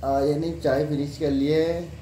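A man's voice: a little high, flat delivery, normal speed, dark tone, a little hiss or hum, poor audio. A young man chatting to viewers while filming his family's day at home. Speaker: vlogger, husband. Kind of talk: casual home vlog. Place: home, indoors.

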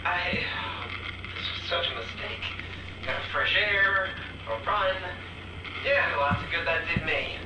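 A man's voice: on the high side, expressive, slow pace. An actor playing a frightened lost male hiker, speaking over a walkie-talkie radio and stammering and rambling nervously. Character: lost male hiker chased through the forest. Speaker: game character. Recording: roomy distant game audio with music.

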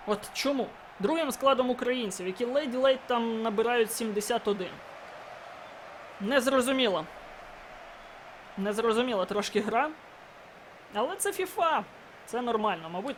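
High-voiced excitable gamer man commentating. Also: a little hiss or hum. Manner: excitable, shouts at goals and chances. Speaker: gaming YouTuber. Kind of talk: live game commentary.

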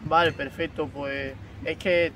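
A man's voice: on the high side, fairly even intonation, slow pace, recorded from a distance, noisy background. A teenage boy making a prank phone call outdoors, posing as a formal sports official with hesitant fillers. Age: teens. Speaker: prank caller. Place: outdoor park bench. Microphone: phone on speaker, far camera.

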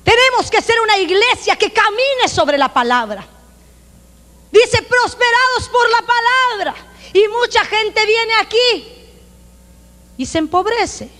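A woman's voice: very high-pitched, expressive, slow. A woman pastor with a Honduran accent, preaching a sermon emphatically to a congregation. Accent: Honduran Spanish. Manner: emphatic, preaching loudly with acted-out quotes. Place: church sanctuary. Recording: long reverb of a church hall.

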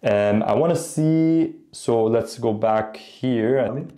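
A man's voice: medium pitch, slow, warm tone. A man in his thirties giving casual reaction commentary and language tips in a conversational, explanatory way. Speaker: host, Arabic teacher. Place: small indoor room.

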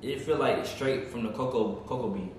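A man's voice: mid-range voice, moderate pace, far from the mic, slight background noise. A man co-hosting a snack-tasting vlog, talking while chewing in a laid-back, slangy way. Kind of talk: casual snack-tasting chat. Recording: very echoey room, off-mic, loud music behind.

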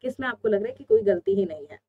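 A woman's voice: very high-pitched, sing-song, rapid-fire, vocal fry, phone-quality sound. A woman teaching an online exam-prep Hindi lesson, explaining step by step and answering her own questions.

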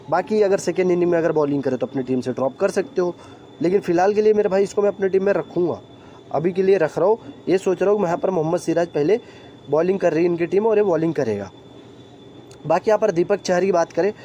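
A man's voice: high-pitched, mellow, slight background noise. A man talking casually over a screen recording, giving fantasy cricket picks and often checking in with the listener. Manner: chatty, repeats "theek hai", calls viewers "bhai".

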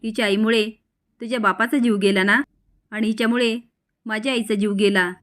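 A woman's voice: medium pitch, fairly even intonation, a little fast, a bit bright, close to an everyday voice. A woman voicing an angry middle-aged woman who shrilly accuses her family. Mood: angry accusing.

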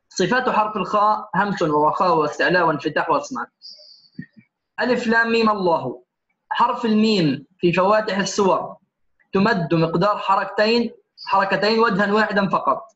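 A man's voice: high-pitched, quick pace, pushed and bright. A man teaching Quran recitation, going over test answers one by one and often checking in with "okay?". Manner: corrects answers one by one, often asks "تمام؟". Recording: echoey room, slightly dull lo-fi sound.

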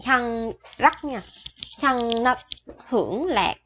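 Slow, chatty woman teaching vocabulary. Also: on the high side, expressive, a bit bright, a little hiss or hum. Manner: chatty, repeats each word slowly then explains. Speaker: Korean language teacher. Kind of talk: vocabulary lesson. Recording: dull lo-fi recording.

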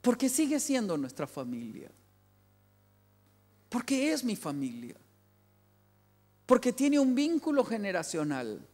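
A man's voice: sits high, huge pitch swings, unhurried, long pauses, a little mellow. A man giving an emphatic family sermon in a large church hall, repeating key phrases for weight. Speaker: family speaker.

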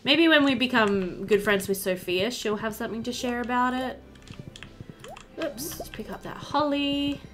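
A woman in her thirties hosts a gaming video from an indoor room at home, chatting through a let's play while game music plays. She thinks aloud and talks to the characters in a fairly high, fairly bright voice at a moderate pace.

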